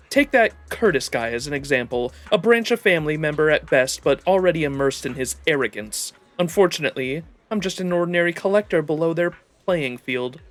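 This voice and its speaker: A man voicing a worldly, cynical video game collector in a measured, formal, knowing manner. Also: a little high, natural voice. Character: worldly, cynical collector wary of high society. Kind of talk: reading story-game dialogue aloud.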